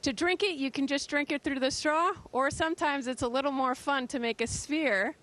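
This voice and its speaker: Higher-voiced woman astronaut explaining things simply. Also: normal speed, fairly bright tone. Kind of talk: explaining to students in a live question session. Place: aboard a space station.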